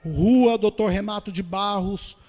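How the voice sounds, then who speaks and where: A man preaches his own testimony in a church, recounting his story earnestly and turning to the congregation as brothers. His voice sits high for a man, and it rings out with the long reverb of a large hall. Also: a little slow, a little mellow. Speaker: pastor.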